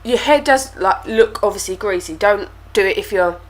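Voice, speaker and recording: A beauty vlogger with a cold and a stuffy nose does a casual product review to camera in a mid-range voice at normal speed. She's chatty, with lots of fillers and repeated words.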